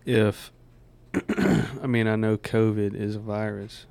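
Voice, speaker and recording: A man's voice: lowish voice, completely flat delivery, takes it slowly, a little mellow, clean tone. A man co-hosting a podcast in casual chat, asking questions and rambling a little, laughing easily.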